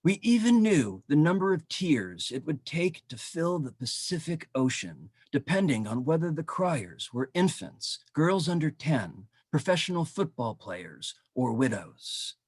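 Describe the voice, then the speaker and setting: A man, a poet, reading his poems at a virtual event, slow and dramatic in the verses, loose with ums between them. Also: on the high side, slightly rough, no echo, clean studio sound. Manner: measured, dramatic reading with slow drawn-out phrases; relaxed, halting asides with frequent ums. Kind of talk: poetry reading. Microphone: video call.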